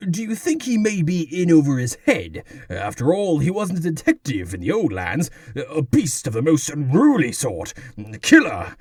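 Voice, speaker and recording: An older, pompous mayor-king in a comic dub, genial and fussy. His husky voice sits fairly high and swoops wildly, blustering theatrically in a dry, close recording. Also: wildly swooping pitch, moderate pace, no echo, heavily acted. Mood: troubled, blustery.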